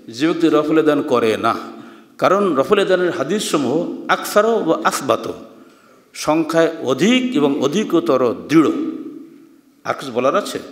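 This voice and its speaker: An older Bangladeshi man giving a Friday sermon, reading Arabic quotes slowly, explaining them and asking the listeners questions. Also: a little high. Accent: Bangladeshi Bengali. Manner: asks the listeners rhetorical questions. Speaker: preacher. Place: mosque hall at a madrasa. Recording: echoey hall with long reverb.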